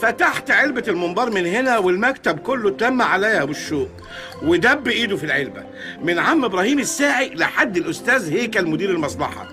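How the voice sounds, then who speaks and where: A whiny, melodramatic neighbor. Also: male voice, high voice, animated, racing, bright, forceful tone, soft background music. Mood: storytelling. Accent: Egyptian Arabic. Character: clingy, overly dramatic neighbor man. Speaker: neighbor and tenant. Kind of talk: comic radio serial acting.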